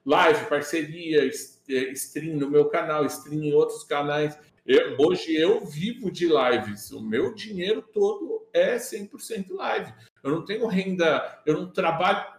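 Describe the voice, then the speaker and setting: A man's voice: on the high side, animated, a little slow, reverberant. A Brazilian man, a streamer guest, chatting casually at home with slangy talk and hesitant fillers. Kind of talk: casual chat.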